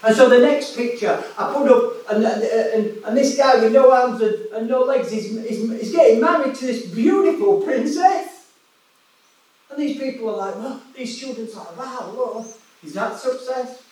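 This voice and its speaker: This Yorkshire-accented man from West Yorkshire, England, is an evangelist delivering a sermon with a very high, darkish voice at normal speed. He preaches in a chatty, storytelling way, often restarting and repeating his words. The recording was made in an echoey hall, and he sounds far away.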